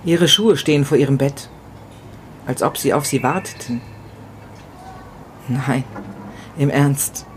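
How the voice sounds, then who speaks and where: Pitching her voice extremely low, a woman plays a grieving, desperate man in a first-person literary novella, speaking outdoors on a city balcony with a little hiss or hum. Her reading is halting and repetitive, swinging between whispers and outbursts.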